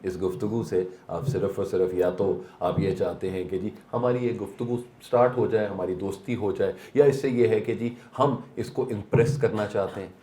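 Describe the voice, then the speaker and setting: Speaking in a lowish, mellow voice, a man delivers a motivational seminar talk in an echoey hall. He blends English expressions into his Urdu and leans on rhetorical questions.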